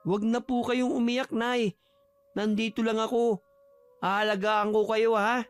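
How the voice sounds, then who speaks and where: A man voicing a gentle, devoted son who speaks softly and politely to his sick mother. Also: high voice, level tone, measured pace, clean tone. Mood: tender. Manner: soft, polite, tender. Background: faint music.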